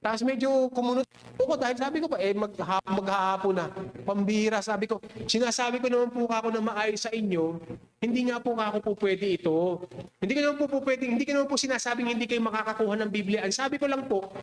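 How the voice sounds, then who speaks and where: A man's voice: high voice, quick pace, a little hiss or hum. A pastor preaching a sermon, telling a personal story with frequent laughter and a voice that rises when he acts out an argument. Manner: storytelling, laughs often, mixes English into Tagalog; raises voice when reenacting quarrels.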